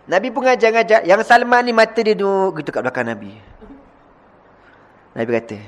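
A man's voice: sits high, expressive, a little fast. A man with a Malaysian accent preaching in a storytelling sermon. He talks in a playful way, chuckles often and addresses his listeners directly. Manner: chants Arabic closing prayers.

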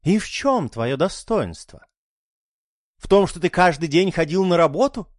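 A man's voice: high voice, very animated, unhurried, no room sound, studio quality, pitched above the performer's own voice. A man voicing an obsessed young male scientist chasing immortality, fervent and scornful. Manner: fervent, scornful, rising to outbursts.

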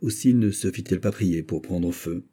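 Husky, dark-voiced male narrator. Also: low voice. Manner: steady, measured literary reading. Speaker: audiobook narrator. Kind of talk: scripted narration of a classic novel.

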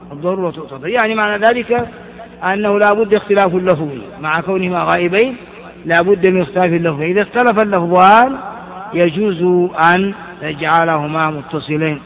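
High-voiced man teaching grammar, dull recording. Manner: quizzes students with short questions. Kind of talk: classroom lesson explaining verses.

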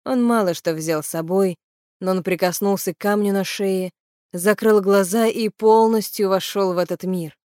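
A woman's voice: medium pitch, moderate pace, dry recording. Woman reading a fantasy novel, dry close sound. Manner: even, steady storytelling. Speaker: audiobook reader. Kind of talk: scripted narration of a fantasy novel.

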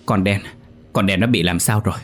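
A man's voice: low voice, fairly even intonation, fairly quick, slightly rough, soft background music. A man voicing an older husband who is frantic and stammering in a narrated story.

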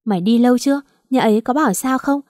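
An older country mother frets and pleads over her grown daughter in a storybook reading, put on by a woman narrator. Her voice sits a little high with a dark, mellow tone. The sound is close and dry. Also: fast talker, no room sound, lightly acted. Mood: anxious. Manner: anxious, scolding, pleading.

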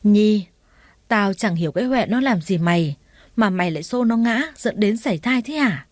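A woman's voice: mid-range voice, expressive, moderate pace, dry recording, close to an everyday voice. A woman voicing an angry woman teacher who harshly accuses a colleague. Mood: furious accusing. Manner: angry, scolding, loud.

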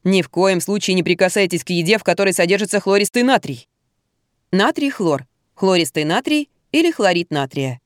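A woman voicing a calm middle-aged male doctor who explains things slowly and matter-of-factly. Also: fairly low pitch, no echo, clean studio sound, lightly acted. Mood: instructive.

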